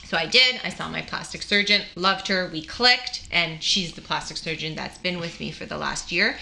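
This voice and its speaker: A woman's voice: lowish voice, gravelly, a little hiss or hum. A young woman telling a personal story in casual chat, acting out the voices of people she quotes. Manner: animated, acts out quoted voices. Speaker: guest sharing her cancer story.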